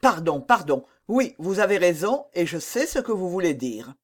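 A woman's voice: fairly low pitch, big pitch swings, normal speed. A woman reading a tormented young king. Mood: anguished. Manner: pleading, heated outbursts.

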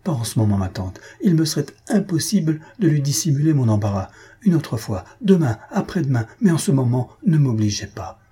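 A man's voice: medium pitch, sing-song, brisk, few pauses, mellow, slightly rough. A man voicing an anxious young nephew who pleads hesitantly with his aunt, in a storybook reading. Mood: earnest.

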